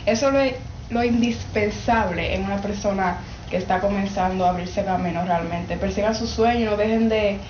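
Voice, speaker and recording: A woman's voice: mid-range voice, moderate pace, a little mellow, dull audio. Earnest young woman, echoey noisy sound. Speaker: young athlete guest. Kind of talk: interview answers.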